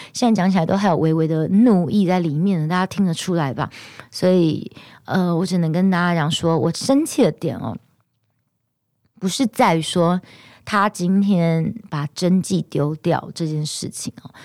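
Hoarse woman telling an indignant story. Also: fairly low pitch, a little mellow, no room sound, studio quality. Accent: Taiwanese Mandarin. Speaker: podcast host. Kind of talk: casual podcast monologue.

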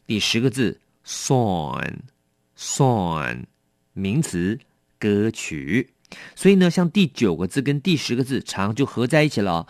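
A man teaching English vocabulary, explaining each word slowly and mixing Chinese with English. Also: on the low side, no echo, studio quality. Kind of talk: bilingual vocabulary lesson.

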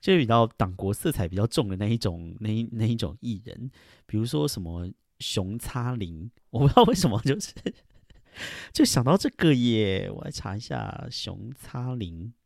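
A man's voice: on the low side, sing-song, moderate pace, gravelly, a little mellow, dry recording, clean studio sound. A middle-aged man hosting a casual solo podcast, rambling and chuckling, with many fillers. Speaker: podcast host.

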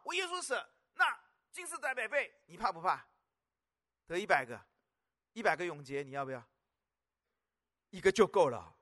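A man preaching with a high, lively voice that leaps up and down in pitch. He hammers his points through repetition and keeps throwing questions at his listeners. His tone is bright and ringing. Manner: emphatic, with rhetorical questions to the congregation; repeats phrases for emphasis. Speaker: pastor. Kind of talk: sermon.

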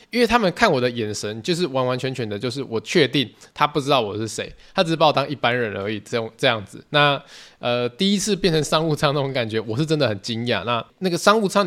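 Taiwanese guy in his 30s doing a solo podcast, chatty and lively, talks really quick, mid-pitch voice. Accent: Taiwanese Mandarin. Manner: chatty, animated storyteller. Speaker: podcast host.

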